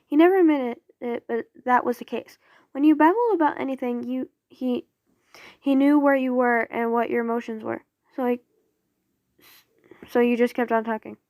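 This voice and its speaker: High-voiced woman reading fan fiction. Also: moderate pace, a little mellow, no echo, clean studio sound. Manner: casual, stumbling, apologetic. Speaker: audio story reader.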